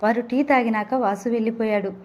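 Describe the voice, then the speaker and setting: A woman's voice: a little high, fairly even intonation, fairly quick, a little mellow. Woman narrating an audio novel. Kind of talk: scripted narration.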